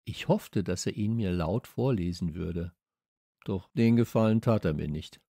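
A man reading a children's audiobook as a first-person narrator, with expressive storytelling. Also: sits low, a little slow, vocal fry, no echo, studio quality. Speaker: audiobook reader. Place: studio.

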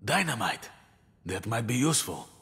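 An actor playing a terse, careful Russian wartime saboteur in a video game, speaking deliberately with a Russian accent. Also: male voice, mid-range voice, sing-song, creaky, fairly bright tone, breathy edge, in a large hall, exaggerated voice. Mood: measured, purposeful. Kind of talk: video game character dialogue.

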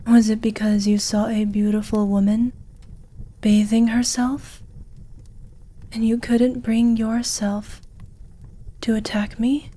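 A woman plays a gentle, seductive dragon lady in a fantasy ASMR roleplay, her fairly high voice soft, breathy and half-whispered. She's intimate and tender, with a teasing, sultry mood.

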